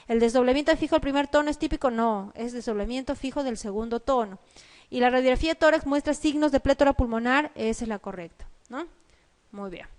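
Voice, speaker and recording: A woman's voice: high voice, a little mellow. A woman with a Peruvian Spanish accent giving an exam review lecture, explaining step by step and asking rhetorical questions. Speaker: medical lecturer.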